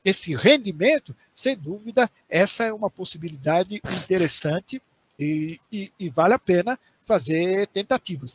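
A man's voice: sits high, husky. Older Brazilian man lecturing by video call. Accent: Brazilian Portuguese. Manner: explanatory, tags phrases with "certo?" and "né?", frequent restarts. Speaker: university professor giving a guest lecture. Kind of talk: online lecture answering audience questions. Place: small home study with bookshelves, indoors. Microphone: headset on a video call.

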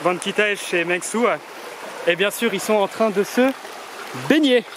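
A man's voice: high voice, measured pace, background noise. Young man vlogging outdoors, teasing tone. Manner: joking, teasing friends. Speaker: vlogger filming a road trip. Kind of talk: casual chat. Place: outdoors on hiking trails and roadside.

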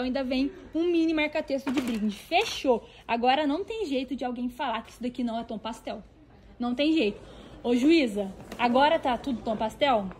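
A woman's voice: sits high, a little hiss or hum. A woman with a Brazilian Portuguese accent chatting to viewers in a shopping vlog as she browses a stationery store. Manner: animated, talks to viewers while browsing.

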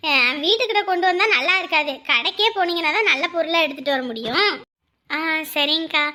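A woman's voice: extremely high pitch, bright, forceful tone. A woman, chatting and scolding in a neighbourly skit. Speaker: performer voicing village women. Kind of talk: village comedy skit dialogue.

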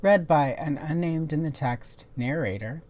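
A woman hosts a video about toy history, narrating a documentary script in an even, informative way with a deep, slightly mellow voice.

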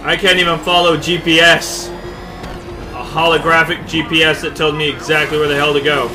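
A man commenting on his gameplay, joking and swearing, with loud outbursts. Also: on the high side, little pitch movement, normal speed, music in the background. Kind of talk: let's play commentary.

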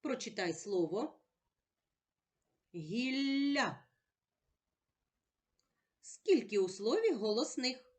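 Woman teacher going super slow and patient, lots of up and down in her voice, sounding out words bit by bit. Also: mid-range voice, big pitch swings, darkish tone. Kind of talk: slow, careful special-education lesson.

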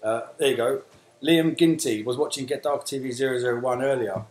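A man's voice: medium pitch, brisk, a little mellow, reverberant, slight background noise, rough recording. Chatty South London man hosting. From England. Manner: chatty, reads out viewer comments. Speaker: host. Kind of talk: casual live Q&A chat.

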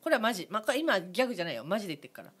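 A woman's voice: medium pitch, sing-song, very fast, fairly bright tone, slightly rough. A woman from Miyazaki co-hosting a radio chat show, giving blunt, teasing advice. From Miyazaki, Japan.

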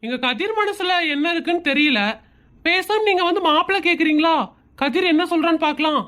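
A woman's voice: very high voice, a little fast, pushed and bright. A woman voicing a fussy, anxious young woman neighbour in a cartoon comedy.

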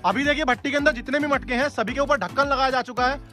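A man's voice: extremely high pitch, quick pace, pushed and bright, soft background music. A male food vlogger touring an outdoor factory, narrating eagerly to viewers and quizzing the workers. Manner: enthusiastic, addresses viewers as guys, asks workers questions. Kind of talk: on-location factory tour narration and interviewing.

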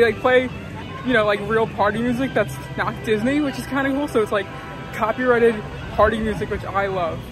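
A young male vlogger films a casual food review outdoors at a theme park, chatty and frank, often saying "like" and "literally." His voice is very high. The audio quality is poor.

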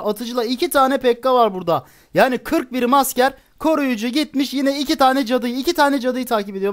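High-voiced man commenting on his game. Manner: chatty, exasperated outbursts. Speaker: gaming YouTuber.

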